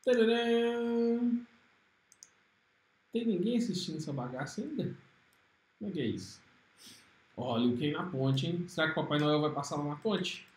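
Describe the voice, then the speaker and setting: A man with a Brazilian Portuguese accent giving excitable, trash-talking commentary while streaming a fighting game. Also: on the high side, a little fast, reverberant. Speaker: gaming streamer. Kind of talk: live gameplay commentary.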